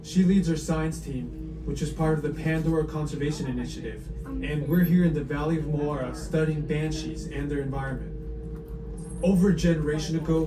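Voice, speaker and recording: A man working as a theme park guide, delivering a scripted briefing to guests. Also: fairly high pitch. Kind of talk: scripted live attraction briefing. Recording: echoey room, distant, noisy.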